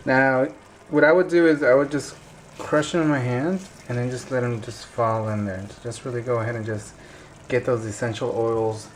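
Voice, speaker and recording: At the stove in an indoor kitchen, a home cook with a mid-range voice talks viewers through a recipe step by step in a casual, chatty way. His tone is steady and his pace moderate, while frying, sizzling and stirring come through clearly in the background.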